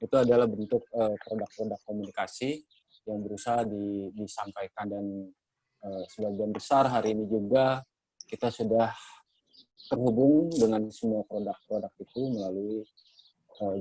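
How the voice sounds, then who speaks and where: An Indonesian man moderating a journalism training session, speaking in a measured way with many hesitations. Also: fairly low pitch, a little mellow, low-quality recording. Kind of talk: workshop moderation, lecturing.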